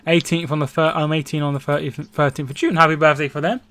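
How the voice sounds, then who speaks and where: Chatty young man, slightly high voice. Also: flat delivery, fast talker, crowd noise. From England. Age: 20s. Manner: chatty, reads out viewer comments. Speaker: livestream co-host. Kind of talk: casual football watchalong chat.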